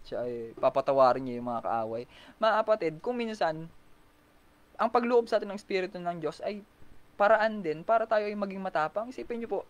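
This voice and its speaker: A man leading an online Bible study sermon, animated, full of rhetorical questions, often clearing his throat. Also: sits high. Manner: animated, swinging from loud to soft.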